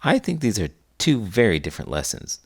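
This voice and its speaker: The teacher hosting this kids' read-aloud talks fairly quickly in a lowish, slightly rough voice with huge pitch swings, explaining things in a warm, chatty, educational manner.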